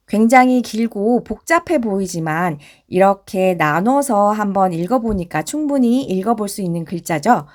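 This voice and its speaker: A woman teaches English spelling and sounds in a slow, deliberate lesson. Her pitch rises and falls a lot as she sounds out each letter, and she builds every word up piece by piece with patient care. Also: darkish tone.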